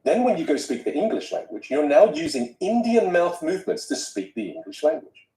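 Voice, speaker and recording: A man with an Australian accent, a guest speech coach whose first language is Vietnamese, talking in an animated, emphatic way. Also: fairly high pitch, brisk. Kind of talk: casual conversation. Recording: roomy echo.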